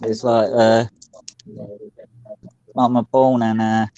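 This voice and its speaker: A man's voice: mid-range voice, flat delivery, slow pace, mellow, dull audio. A man with a London accent, chatting casually over a phone and rambling with lots of fillers. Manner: rambling, many fillers like "it's like". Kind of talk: casual chat.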